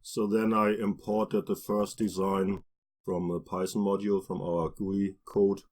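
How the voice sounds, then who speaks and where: A man narrating a screen-recorded programming tutorial, walking through each step plainly with frequent pauses and restarts. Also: low-pitched, little pitch movement, a little mellow. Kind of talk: screen-recorded coding walkthrough.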